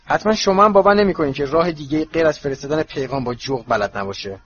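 A man voicing a resentful teenage boy with forced calm and sarcasm in a storybook reading, in a slightly muffled recording with faint hiss. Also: a little high, slightly rough. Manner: strained calm breaking into sarcasm.

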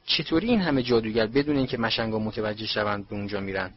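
A man's voice: fairly low pitch, close to an everyday voice. A man voicing a curious teenage boy asking eager questions in a storybook reading. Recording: dull lo-fi recording.

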